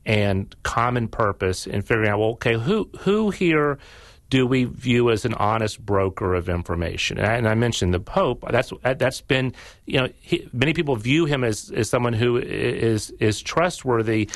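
A man's voice: medium pitch, lively intonation, normal speed, dry recording. A man appearing as a journalist guest on a radio call-in, answering thoughtfully with frequent repeated words and restarts.

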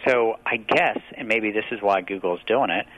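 A man being interviewed as a guest author over a landline phone, telling a story in a chatty, animated way with folksy exclamations. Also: on the low side, normal speed, lo-fi sound. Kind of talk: casual radio interview.

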